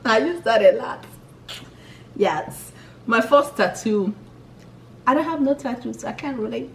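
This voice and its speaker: A young vlogger from Imo State, Nigeria, Igbo by birth, casually works through a list of tag questions with frequent giggles and restarted sentences. Her slightly high voice is animated but slow, with frequent pauses. A distant mic picks her up with a little hiss or hum.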